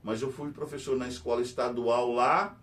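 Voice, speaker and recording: A middle-aged Brazilian teacher hosting a news channel, rambling in casual commentary full of fillers and tag questions. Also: male voice, steady tone, normal speed, a bit bright. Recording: distant mic with faint rumble.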